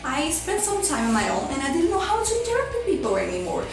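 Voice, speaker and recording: Talking fast with a very high voice and huge swings in pitch, a young woman from Brazil films a candid personal vlog. Her Brazilian Portuguese accent comes through as she chats and pokes fun at herself, heard from a distant mic in an echoey room over background music.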